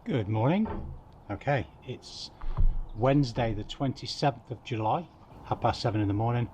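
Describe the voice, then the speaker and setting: A man's voice: mid-range voice, moderate pace. A man talking to himself as he tightens bolts in a narrowboat engine bay, filming a casual vlog. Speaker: boating vlogger. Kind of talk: casual vlog narration while working. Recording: distant voice, loud clanking noise.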